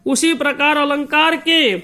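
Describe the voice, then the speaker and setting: A music teacher talks through a lesson in a high-pitched voice. He explains each term slowly and repeats it, and now and then he sings out long, drawn-out sargam notes as examples. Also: steady tone, bright, forceful tone. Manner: slow repetitive explanation, stretching out sung sargam notes. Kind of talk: spoken lesson with sung note examples.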